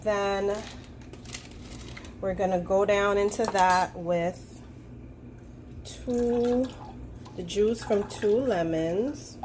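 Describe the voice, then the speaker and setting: Stuffy and nasal from a head cold, a woman private chef with a mid-range voice talks through a home cooking demo in a loose, relaxed, chatty way, full of ums and asides. She speaks extremely slowly with long pauses while filming herself on a handheld phone camera in her kitchen. Steady household noise sits clearly behind her.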